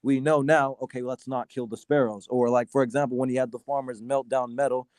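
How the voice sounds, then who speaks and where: A man's voice: medium pitch, steady tone, a little fast, darkish tone, dry recording. Hesitant man from Sudan debating. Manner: hesitant, many fillers and restarts. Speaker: debate guest. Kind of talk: casual debate.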